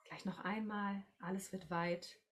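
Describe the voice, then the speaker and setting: A woman guiding a group through breathing and singing exercises, giving calm instructions and demonstrating phrases. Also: medium pitch, measured pace. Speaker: voice workshop leader.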